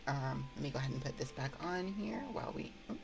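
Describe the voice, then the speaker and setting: With a bass voice that's gravelly, animated, and fast, a woman chats casually on a livestream, hesitant and giggly as she rambles. She speaks into a binaural 3Dio ASMR microphone over background music.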